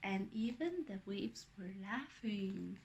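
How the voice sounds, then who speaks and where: A woman reading a picture book aloud to young children, pausing to ask them questions. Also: mid-range voice, creaky, highs cut off, a little hiss or hum. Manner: animated, with asides and questions to young listeners.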